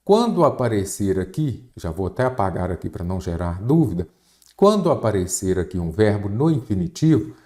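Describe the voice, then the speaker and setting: A man's voice: on the low side, sing-song, fairly quick, dark tone. A man with a Brazilian Portuguese accent teaching an exam-prep grammar lesson, explaining patiently and checking in often with his students.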